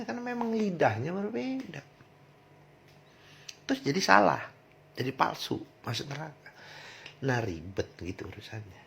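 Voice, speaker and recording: A man talks at an easy, reflective pace, piling up rhetorical questions and hesitating on fillers now and then. His voice sits in a middle register with a gravelly, creaky texture. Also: medium pitch. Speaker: channel host discussing religion. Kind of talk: casual spoken monologue.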